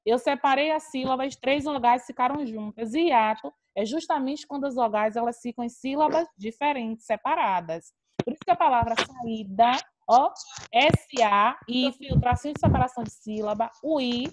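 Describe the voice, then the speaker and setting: A woman teacher with a Brazilian accent, patiently explaining grammar in an online class and repeating key terms. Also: high-pitched.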